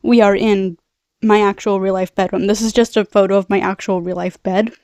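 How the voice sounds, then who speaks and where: A young adult woman, a video host who recaps films, rambles casually from her bedroom, her nasal, congested voice wandering into slangy tangents. Her voice is mid-range and mellow with little pitch movement, a touch quick, and the recording has no echo.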